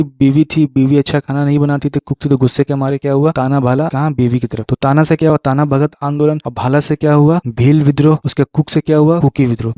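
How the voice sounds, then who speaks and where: A male coaching teacher, teaching history through memory tricks in a rapid question-and-answer manner, repeating key words. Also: on the high side, mellow, dry recording, clean studio sound. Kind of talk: mnemonic history lesson.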